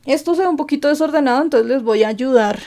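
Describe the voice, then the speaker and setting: High, gravelly-voiced woman teaching. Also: quick pace, darkish tone. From Colombia. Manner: patient, asks rhetorical questions and answers them. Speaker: Japanese teacher. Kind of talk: explaining grammar lesson over slides. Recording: faint background music.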